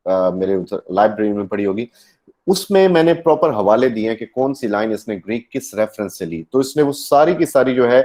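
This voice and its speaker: A man's voice: mid-range voice, warm tone. A man with a Pakistani accent teaching English literature in a classroom, explaining at length and slipping English terms and phrases into his talk. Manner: explanatory, mixes English terms into Urdu, many fillers. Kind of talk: classroom lecture.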